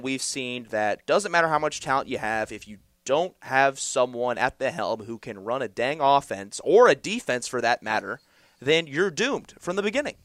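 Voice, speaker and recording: A young man co-hosting a college sports talk show, rambling and animated in his takes. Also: medium pitch, no room sound, clean studio sound. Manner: rambling, animated, with fillers and restarts. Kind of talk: college sports podcast chat.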